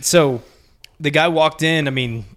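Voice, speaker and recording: A man in his twenties, a podcast co-host, telling a story in a rambling, animated way full of filler. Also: on the high side, measured pace. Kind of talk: casual storytelling among friends.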